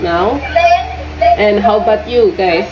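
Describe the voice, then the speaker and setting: An Indonesian woman, an English tutor with an Indonesian accent, teaches young students in an online lesson, speaking haltingly, repeating her questions and filling pauses with "uh." Her voice is medium-pitched. The lesson was recorded on a phone, giving muffled, roomy audio with faint noise.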